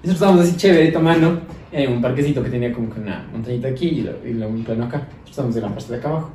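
Un hombre joven con acento ecuatoriano que charla de forma informal y animada, con mucha jerga. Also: male voice, mid-range voice, very fast. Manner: animated, slangy, laughs through his stories. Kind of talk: casual chat, storytelling. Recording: roomy echo, distant mic, faint noise.

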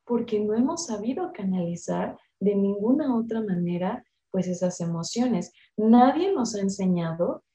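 A young Mexican woman talking casually about emotions, animated and acting out the voices she quotes. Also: mid-range voice, moderate pace, hardly any pauses, reverberant. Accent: Mexican Spanish.

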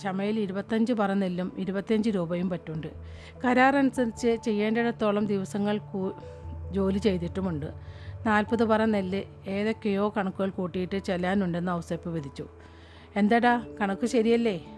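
A woman narrating a novel as an audiobook, reading in a measured, steady way. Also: mid-range voice. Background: music.

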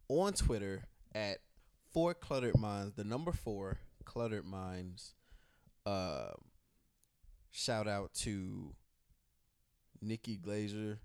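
Slow, laid-back profane podcast host man. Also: low-pitched, clear, resonant tone, dry recording, studio quality. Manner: profane, laid-back, drawn-out shout-outs. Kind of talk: casual podcast chat. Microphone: close podcast mic.

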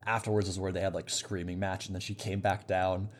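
A man with a fairly low voice chatting casually among friends. He talks in a relaxed way, walking through events one after another. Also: fairly quick. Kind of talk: casual chat.

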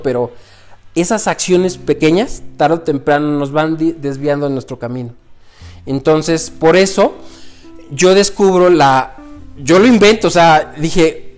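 A man in his fifties with a Mexican Spanish accent, telling his personal story as an interview guest in an emphatic, animated way that acts out quoted dialogue. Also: on the high side. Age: 50s.

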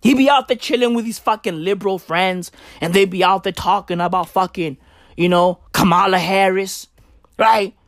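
This Tswana-speaking comedian from southern Africa has a mid-range voice and keeps a moderate pace through her rambling, profane rant. Her stand-up style bit is packed with slang and delivered with animation. It's studio quality with no echo.

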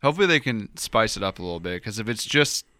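A man's voice: on the low side, big pitch swings, quick pace, sharp tone, no echo, studio quality. A man co-hosting a sports radio show in a casual, conversational way. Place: radio studio.

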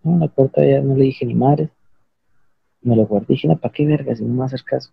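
A man's voice: medium pitch, brisk, vocal fry, slightly rough, no room sound, narrow, tinny audio. A young man with a Mexican accent telling a rambling, slangy, self-mocking story to friends on a call.

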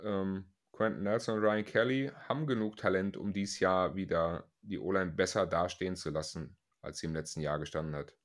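A man's voice: sits low, fairly even intonation, moderate pace, few pauses. A man hosting a casual sports podcast, talking through the news in a conversational, explanatory way. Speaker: podcast host. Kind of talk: casual chat.

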